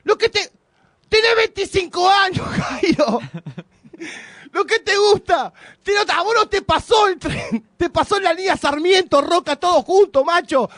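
A man as a blustering, exasperated Argentine father in a radio comedy sketch. His high-pitched voice yells and scolds over a dry, close sound. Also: measured pace, no echo. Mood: scolding. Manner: blustering, yelling. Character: exasperated middle-aged father scolding his lazy son.

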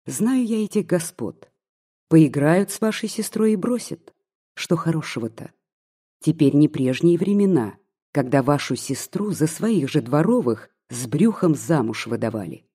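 A reader voicing a spiteful, gossiping old maid who mocks and pries, with a husky, mellow voice. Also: medium pitch, animated, unhurried. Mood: prying. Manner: mocking, scolding, prying.

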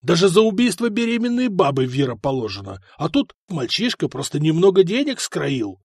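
A blustering older duke bellows in a loud, raised voice, as a male narrator puts him on. His speech is blunt and angry. Recorded close and dry. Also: a little high, very animated, normal speed, slightly rough, no echo, heavily acted. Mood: wary. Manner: roaring, blustering. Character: blustering older duke, hot-tempered then wary.

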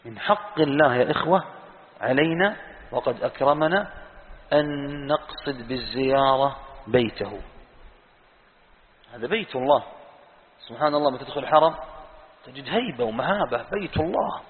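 A man teaching a Quran exegesis lesson, reciting verses slowly and putting questions to his students. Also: medium pitch, animated. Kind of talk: classroom tafsir lesson. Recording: tinny phone-like sound in a reverberant hall.

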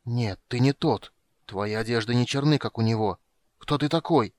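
A man's voice: mid-range voice, moderate pace, a little mellow, no room sound, lightly acted. A man reading aloud, voicing an anguished, frenzied old elf king in an audiobook. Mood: bewildered. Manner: anguished, crying out.

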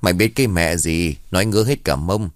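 Guy reading a rough drunk village lout, husky, dry close sound. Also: sits low, fairly quick, no echo, close to an everyday voice. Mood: leering. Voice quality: husky, coarse. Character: drunk lecherous young village thug.

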